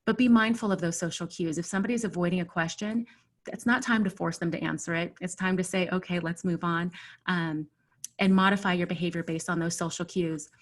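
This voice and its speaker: A woman speaking as a webinar panelist in a thoughtful, measured way, pausing often with ums, over a video call. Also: lowish voice, fairly even intonation. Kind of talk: earnest discussion.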